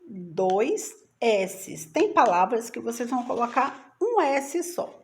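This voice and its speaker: Slow, patient Brazilian woman teaching. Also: fairly high pitch, a little mellow. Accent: Brazilian Portuguese. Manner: patient, sing-song teacher talk to young children. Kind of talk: children's spelling lesson.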